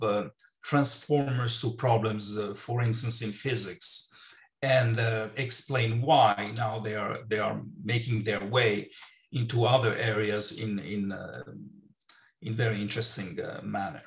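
An older man giving a keynote lecture over slides on a video call, talking in halting phrases with many restarts and fillers. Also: fairly low pitch, fairly even intonation. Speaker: keynote speaker. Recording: roomy, distant mic.

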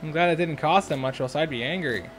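A man's voice: fairly high pitch, fast talker, soft background music. A young man hosting a let's play, thinking aloud in casual, chatty commentary.

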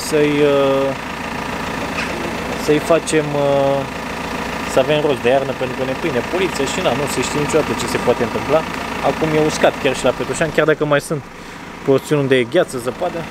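Rambling man vlogging over loud street noise. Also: mid-range voice, fairly even intonation. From Romania. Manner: chatty, rambling with restarts, addresses viewers as "băieți". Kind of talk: casual car vlog to camera. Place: outdoors by garages, car and restaurant. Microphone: phone or camera held at arm's length.

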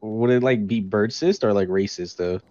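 A man's voice: lowish voice, moderate pace, a little mellow. A man in casual game role-play as a burger shop worker, talking in laid-back, dude-heavy slang. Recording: slightly dull, lo-fi voice chat.

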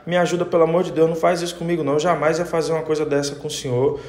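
A frightened housekeeper stammers out a pleading defense, as a man quotes her. She talks fast and breathless with worry. The voice rings in an echoey room. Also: a little high, level tone, a little mellow, lightly acted. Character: frightened housekeeper woman begging to keep her job.

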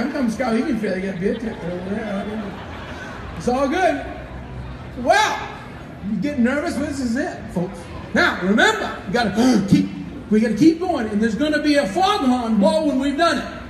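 A middle-aged man pitches his voice very high as he works up a crowd outdoors. He is folksy and rambling, full of jokes and countdowns. His voice comes echoing from a distance over the noise of the grandstand. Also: animated, normal speed. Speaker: moose-call leader at a festival. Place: open-air fairground by a packed grandstand. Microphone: stand mic over PA, picked up by distant camera.

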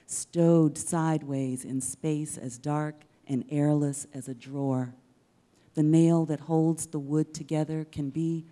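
A poet in middle age performs at an event, speaking close into a stand-mounted, handheld-style mic on a darkened indoor stage. Her voice sits low and sounds deeply mellow, never rushed. Each line lands with dramatic emphasis, shaped by intentional pauses.

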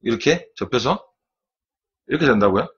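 A man with a medium-pitched, animated, husky voice speaks at normal speed, though the highs are cut off. Sweaty after swimming, he demonstrates arm strokes on a live stream from an indoor room, saying "like this" over and over.

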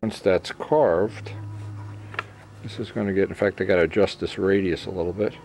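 In a low, steady, darkish voice at normal speed, a middle-aged man walks through an informal model airplane workshop at an indoor workbench. He explains in short phrases, thinking aloud as he goes.

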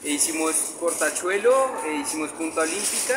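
A man's voice: on the high side, fairly quick, over music. A man, a touring cyclist answering a street interview plainly, listing details with fillers. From Colombia. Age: 20s. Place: outdoors in a town square. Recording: loud street noise, camera mic.

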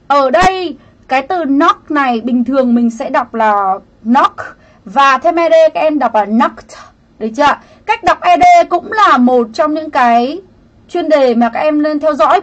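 Chatty high-voiced woman teaching English. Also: a bit bright. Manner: chatty, greets viewers by name, explains each answer option. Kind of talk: livestreamed English grammar lesson.

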